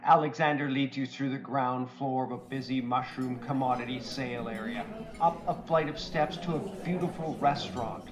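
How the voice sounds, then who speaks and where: A man narrating a tabletop game recap as game master, in measured, even storytelling. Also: mid-range voice, a crowd in the background, poor audio.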